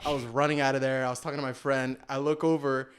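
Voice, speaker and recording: A man's voice: mid-range voice, little pitch movement, fast talker, smooth. A young man co-hosting a podcast, casually telling self-deprecating personal stories and often laughing as he talks. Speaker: podcast co-host. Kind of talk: casual chat, personal storytelling.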